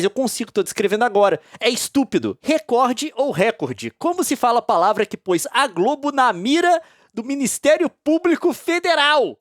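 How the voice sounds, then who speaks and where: A woman with a Brazilian accent hosting a casual commentary, reading a news story aloud and mocking it with heavy, repeated emphasis and sudden loud outbursts. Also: on the high side, no echo, clean studio sound. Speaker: host.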